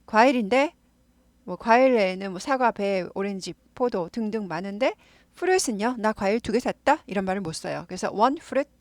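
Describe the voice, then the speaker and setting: A woman explaining English phrases to learners, patiently repeating words slowly to model how they sound. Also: medium pitch, expressive, no echo. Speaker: English teacher.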